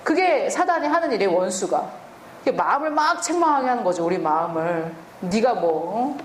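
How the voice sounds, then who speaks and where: A woman's voice: medium pitch, big pitch swings, a little fast, echoey room, slight background noise. A woman preaching a sermon and teaching from the Bible, asking the listeners questions and answering them herself.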